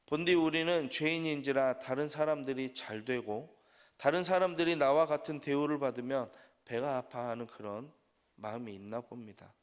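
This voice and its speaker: A male pastor delivers a sermon in an earnest voice of middle pitch. He lifts key phrases and lets each sentence end fall away softly. His voice rings with a long reverb in a church sanctuary.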